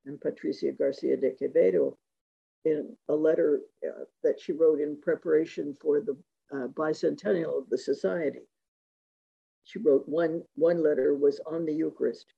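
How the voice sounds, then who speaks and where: A man giving a reflective talk on religious devotion, measured and reading quotations aloud, in a dull lo-fi recording. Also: fairly high pitch, fairly even intonation, vocal fry, husky. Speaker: speaker giving a talk on Eucharistic spirituality.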